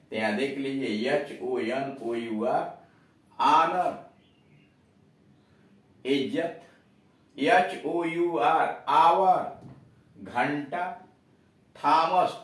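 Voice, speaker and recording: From a distance in an echoey room, a man with a fairly bright, somewhat high voice teaches an English lesson. He spells each word out letter by letter, then explains what it means.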